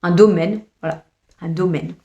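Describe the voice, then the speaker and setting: A woman giving a casual, expressive review of her monthly reads, exasperated at times and speaking straight to the author. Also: on the low side, normal speed, muffled recording. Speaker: book reviewer.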